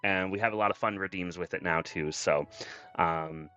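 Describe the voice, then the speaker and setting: Deep-voiced male streamer, bright tone. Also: normal speed, clear, resonant tone, muffled recording. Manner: effusive, grateful, often thanking viewers. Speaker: streamer and VTuber. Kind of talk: casual livestream chat. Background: background music.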